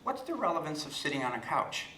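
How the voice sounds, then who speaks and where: Bit part: man playing a polite, exacting nun editor, crisp and pointed, heard from afar in an echoey hall. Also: fairly high pitch, very animated, fast talker, pushed and bright, distant mic, a little hiss or hum, pitched above the performer's own voice. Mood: prim questioning.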